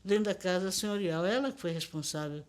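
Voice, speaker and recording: In a fairly low, brisk voice, an older woman with a Bahian accent speaks as a linguist for a documentary interview. Her delivery is an emphatic lecture punctuated by rhetorical questions.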